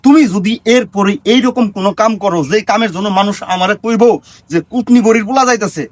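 Brief: high, fast-talking exasperated son, played by a man, lecturing and scolding, dry sound. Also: dry recording, natural voice. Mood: stern. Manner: exasperated, lecturing, rising to shouts. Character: exasperated grown son, scolding his gossiping mother. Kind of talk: comedy skit acting.

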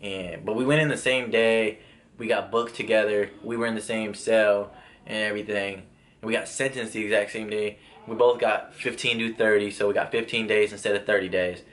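A man's voice: lowish voice, steady tone, moderate pace, a bit bright. Rambling young man telling a story. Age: young adult. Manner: rambling, restarts and many "like" fillers. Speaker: vlogger. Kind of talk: casual storytelling.

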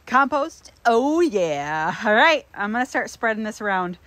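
Her voice is a little high and very animated, unhurried and fairly bright, recorded without echo. This flower farmer in her thirties vlogs casually on a handheld phone while working outside in cold weather, sometimes from her car. She chatters, thinks aloud, and keeps correcting herself with asides.

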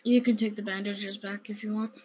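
Young guest gamer, high voice. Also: male voice, level tone, a little fast, background noise. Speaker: gaming youtuber, guest. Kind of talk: casual gameplay chat.

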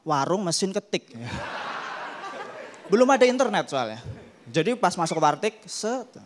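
Animated high-voiced male stand-up comic. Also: moderate pace, noisy background. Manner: animated, mimics typewriter and camera sounds. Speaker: stand-up comedian. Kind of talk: stand-up routine. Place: comedy stage before a live audience.

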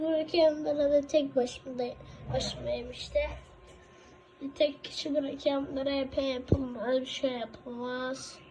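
A woman chatting excitedly to herself as she plays a computer game, narrating her moves and reacting out loud. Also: high voice. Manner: chatty, excitable, talking to herself while playing. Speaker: gaming video creator. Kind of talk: casual gameplay commentary. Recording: dull lo-fi with faint noise.

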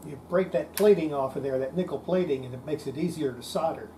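An older woman with a deep voice narrates a repair casually and fairly quickly, murmuring to herself as she works in her indoor home electronics workshop. She's a hobbyist restorer presenting a repair video, with noisy background.

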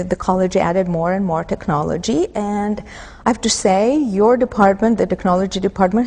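A woman in her fifties from Greece, a mythology instructor answering interview questions thoughtfully, pausing often with fillers. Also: on the low side, a little mellow, big-room sound. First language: Greek. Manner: thoughtful, many pauses and fillers. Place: empty auditorium. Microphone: lapel.

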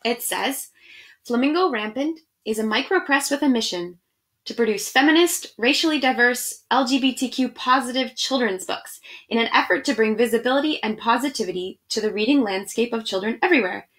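An education director reads storybooks to children online and chats with them, her voice on the high side, fairly quick and a bit bright. The expressive storytime takes place indoors in a small room at home.

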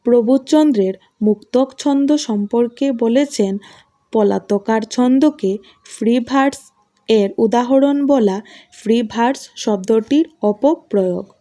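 A woman teacher reads study notes aloud, point by point. She speaks very slowly and deliberately, and her voice is soft and mellow. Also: a little high. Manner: slow, measured dictation of points. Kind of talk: reading out exam study notes.

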